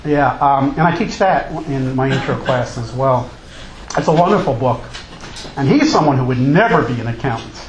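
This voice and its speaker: A man's voice: mid-range voice, moderate pace. Jokey male professor in an echoey room. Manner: jokey, teasing. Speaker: college philosophy teacher. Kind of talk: informal lecture and class banter. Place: classroom. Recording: echoey room with background noise.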